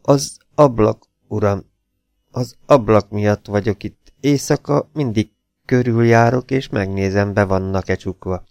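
A man's voice: lowish voice, gravelly, a little mellow, dry recording, clean studio sound. A man reading an audiobook, voicing an older male butler who answers nervously and evasively. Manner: trembling, evasive, stubborn.

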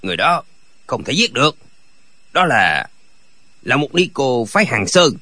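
A man's voice: medium pitch, sing-song, a little slow, pushed and bright, breathy edge, no room sound, heavily acted. A man voicing a boastful, hot-tempered rogue who threatens and blusters in an audiobook. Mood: blustering.

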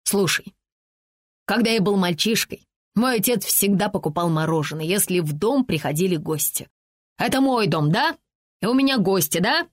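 A woman voicing a blustering, domineering middle-aged man who talks loudly and emphatically in an audiobook. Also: medium pitch, lively intonation, normal speed, no room sound, studio quality, lightly acted. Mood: expansive. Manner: loud, emphatic, tag questions.

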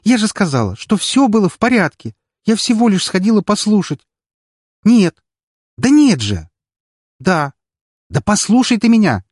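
A man voicing an upset young woman who pleads and shouts through tears. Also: a little high, animated, fast talker, few pauses, no echo, studio quality, pitched above the performer's own voice. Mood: angry shouting.

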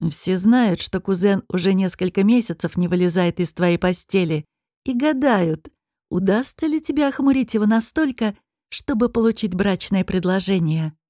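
A woman voicing a sneering, smug male high demon nobleman in an audiobook, with a mocking, taunting drawl. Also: expressive, normal speed, dark tone, no room sound, studio quality, close to an everyday voice. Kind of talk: audiobook character reading.

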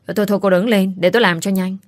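A woman voicing a sharp-tongued, nosy middle-aged aunt who nags and scoffs, in a spoken story. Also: medium pitch, steady tone, very fast, no echo, close to an everyday voice. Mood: scornful. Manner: scornful, nagging.

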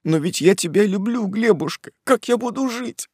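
A man's voice: sits high, animated, normal speed, slightly rough, dry recording, clean studio sound, voice pushed up. A man voicing a young woman who pleads with her fiancé, her voice trembling and breaking as she sobs. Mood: pleading, tearful. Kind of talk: audiobook dialogue.

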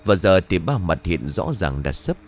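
Man narrating a ghost story, lively. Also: low-pitched, normal speed, faint music behind.

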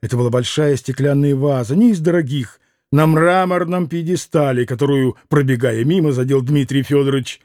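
A man narrating a classic novel aloud in an expressive, dramatic reading. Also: mid-range voice, brisk, dry recording, clean studio sound. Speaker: audiobook narrator. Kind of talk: scripted literary narration.

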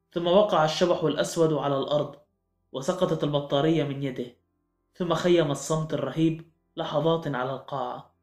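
A man narrating a mystery audiobook in a dramatic, suspenseful manner. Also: a little high. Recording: echoey room with faint music.

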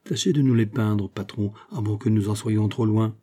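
A man's voice: lowish voice, fairly even intonation, normal speed, dark tone, husky. A man reading a classic novel aloud, voicing a proud, commanding French financier with a haughty manner. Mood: imperious. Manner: haughty and imperious.

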